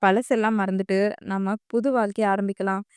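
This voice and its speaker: A stern young husband talks low and fast in short, clipped lines, as a woman reads him in an audio story. His voice stays clear and close, with no room around it. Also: steady tone, a little mellow, dry recording, lightly acted. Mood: coaxing.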